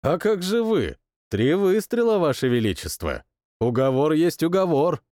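A restrained young courtier whose politeness barely hides his sarcasm, voiced by a man. He keeps his voice lower than the narration and his delivery tightly controlled. The recording is close and dry. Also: very animated, a little slow, no room sound. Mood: wry. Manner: restrained, quietly ironic.

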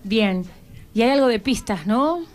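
A woman's voice: on the high side, unhurried, soft background music. A woman, hosting a live radio show and coaxing schoolchildren with short, encouraging questions. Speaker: radio host.

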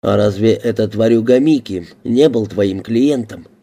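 A suspicious male police detective presses with blunt, interrogating questions, as a man reads him aloud. The voice is low and dark, with a mellow tone. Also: unhurried.

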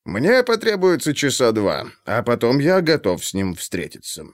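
A man voicing a polite, measured male professor in an audiobook. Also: medium pitch, huge pitch swings, no room sound, studio quality. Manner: courteous, measured.

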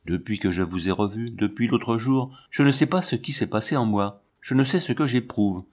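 A passionate, brutal young lion tamer in a storybook reading, as a man reads him. He speaks urgently in a low voice, pleading and demanding by turns. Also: normal speed, darkish tone, close to an everyday voice.

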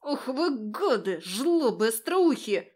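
A woman voicing a small male furry familiar, squeaky, whiny and indignant. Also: big pitch swings, slow pace, darkish tone, full character voice.

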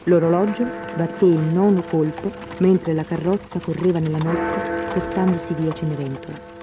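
A woman narrating a fairy tale aloud in a gentle, expressive storybook manner. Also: lowish voice.

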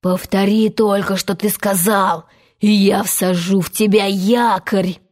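A woman's voice: medium pitch, fairly even intonation, slow pace, close to an everyday voice. A woman voicing a cocky magical boy in a storybook reading, who taunts a pirate in a mocking, boastful way.

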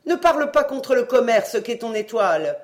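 An audiobook reader voicing a bossy, loud-mouthed mother of a poor family who scolds and gives orders. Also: big pitch swings, moderate pace, natural voice. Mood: scolding. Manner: scolding, commanding, shrill. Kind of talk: audiobook reading, acted dialogue.

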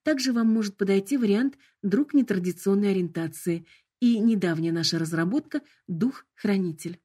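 A woman's voice: mid-range voice, normal speed, mellow, close to an everyday voice. A woman voicing a sickly sweet, politely formal female hologram assistant. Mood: sugary.

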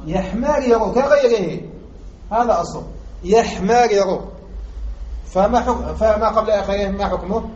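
An Algerian sheikh teaches Arabic morphology in a classroom, explaining a grammar text, asking his students rhetorical questions and repeating key points to drill them in. His voice is high with a darkish tone, and the lo-fi recording is muffled with faint background noise.

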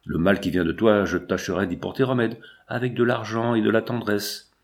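A man voicing a compassionate fifteen-year-old girl in an audiobook, speaking with pleading emotion and a lowish voice. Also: steady tone, fairly quick, vocal fry. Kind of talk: audiobook reading.

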